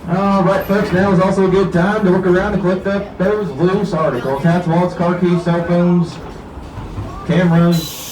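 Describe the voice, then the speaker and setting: Male train conductor, upbeat and folksy, heard through an echoing outdoor loudspeaker from far off. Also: high voice, steady tone, normal speed, a crowd in the background. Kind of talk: tour announcements to passengers. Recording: echoey loudspeaker heard from far off, music behind.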